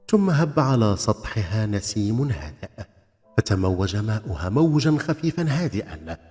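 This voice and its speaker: A man narrating a scripted folk tale as a storyteller, in a theatrical, expressive, literary manner. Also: lowish voice. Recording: long reverb, music bed.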